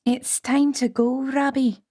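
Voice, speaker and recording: A man doing a young Scottish witch, high and lilting. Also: little pitch movement, dark tone, exaggerated voice. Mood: firm. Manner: chiding, brisk dialect speech. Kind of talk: audiobook character voice.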